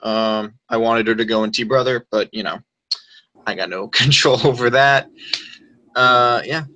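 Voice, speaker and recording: Bright-voiced young man, measured. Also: medium pitch, rough recording. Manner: measured, frank opinions. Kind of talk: casual group call chat.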